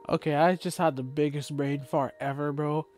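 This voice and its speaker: A man's voice: on the high side, steady tone, moderate pace, darkish tone, faint music behind. A man chatting casually while playing a game, rambling with plenty of "like" and "bro". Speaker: game co-host. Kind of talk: casual let's-play chat.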